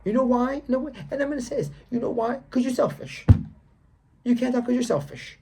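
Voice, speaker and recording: A man's voice: very high-pitched, animated, fairly quick, creaky, dark tone, breathy edge. A young man vlogging about his faith in a slangy, emphatic way, repeating himself and lecturing the viewer. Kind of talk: casual faith vlog monologue.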